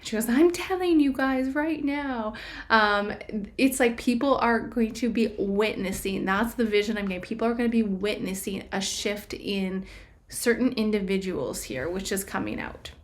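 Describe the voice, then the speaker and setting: A woman talks her way through a crystal ball and tarot reading, musing aloud and circling back to fix her words. Her pitch sits in an ordinary middle range. Her delivery stays casual and searching. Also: moderate pace. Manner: rambling, self-correcting, intuitive musing. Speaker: tarot reader. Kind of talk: casual spiritual prediction reading.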